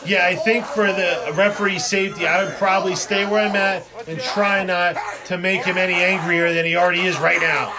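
A man doing excited live wrestling play-by-play as a commentator, in a slangy, exclamatory way. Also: high voice, a little fast, few pauses, a crowd in the background.

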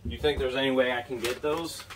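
A man in his thirties chats and jokes as he unpacks storage totes, his voice at an average pitch. The recording is rough and noisy, with clicks from handling. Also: fairly even intonation, fairly quick. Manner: chatty, joking while digging through boxes. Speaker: storage unit buyer and host. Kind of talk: casual unboxing commentary. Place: outdoors by an open storage unit.

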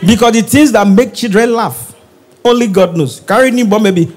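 A Nigerian man performing stand-up comedy, animated, shouting out his punchlines. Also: sits high, normal speed.

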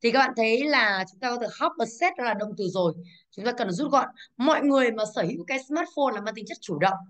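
A woman teaching an English exam class, going briskly through the answers, stressing each English word and asking the class to confirm. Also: a little high, animated.

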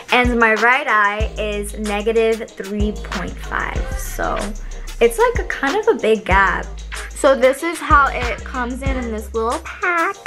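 A young woman vlogger chatting casually through an unboxing, bubbly and gushing with excitement. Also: on the high side, takes it slowly, over music. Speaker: beauty vlogger.

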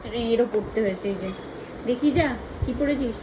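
A woman's voice: on the high side, brisk, very noisy. A young woman chatting casually in a home vlog, narrating what she is doing as she goes. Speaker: vlogger.

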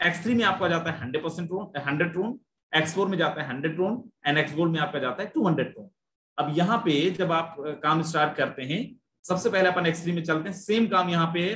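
A man presenting an investment plan in a persuasive sales pitch, repeating figures and mixing in English phrases. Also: a bit bright, echoey room.

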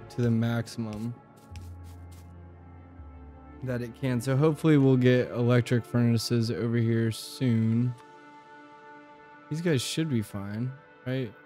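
A man's voice: medium pitch, mellow. A young man hosting casual gameplay commentary, thinking aloud with fillers and repeats. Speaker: game channel host.

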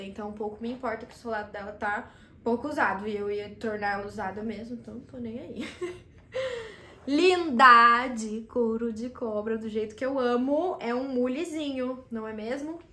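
A woman's voice: fairly high pitch, moderate pace, a bit bright. Chatty young woman in an echoey room. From Brazil. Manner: chatty and enthusiastic, full of fillers. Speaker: vlogger showing thrift finds. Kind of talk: casual haul vlog. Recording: roomy echo in a small room.

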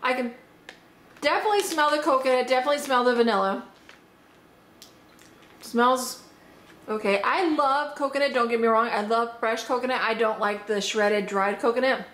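A woman chatting upbeat and thinking aloud as she unboxes and tastes snacks, her voice slightly hoarse. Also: a little high, moderate pace, long pauses, fairly bright tone. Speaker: unboxing vlogger. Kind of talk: casual product tasting review. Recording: roomy echo, faint background noise.

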